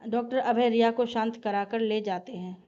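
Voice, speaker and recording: Female storyteller, higher voice, calm reading, dull lo-fi sound. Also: moderate pace. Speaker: narrator. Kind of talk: storytelling narration. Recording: dull lo-fi recording.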